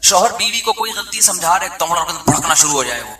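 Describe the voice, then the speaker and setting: A man delivers a sermon in an easy, talking style, often throwing out a question and then answering it. His voice sits high and sounds very bright and cutting. The room around him is echoey. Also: expressive. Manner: conversational preaching with rhetorical questions. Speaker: religious scholar.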